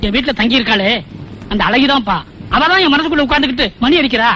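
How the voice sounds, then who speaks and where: A man's voice: very high-pitched, quick pace, pushed and bright, slight background noise. An actor playing a flustered middle-aged village father who blurts startled grunts in a film comedy. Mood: lovesick. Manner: bumbling, with frequent startled "aa?" grunts. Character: fussy, flustered, smitten widowed village father. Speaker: father of a grown daughter. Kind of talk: Tamil film comedy dialogue.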